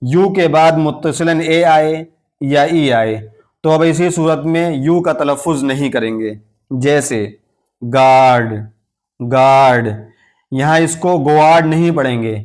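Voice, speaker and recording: A male teacher walks learners through pronunciation rules at a very unhurried pace, his voice sitting a little high. He says each example word twice, then calmly explains why one letter is silent. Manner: uses Urdu-flavored terms for rules and letters. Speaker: English teacher.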